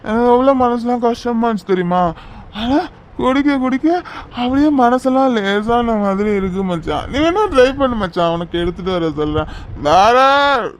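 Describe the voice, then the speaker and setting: A man's voice: very high voice, expressive, normal speed, a little hiss or hum. A man voicing a drunk, lovesick young businessman in a cartoon, rambling with slurred, giggling talk. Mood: tipsy. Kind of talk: cartoon voice acting.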